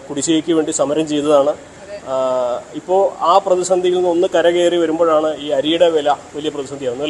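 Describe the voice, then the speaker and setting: A man reporting on location from inside a small hotel, brisk and emphatic. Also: on the high side, darkish tone, a little hiss or hum. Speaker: field reporter.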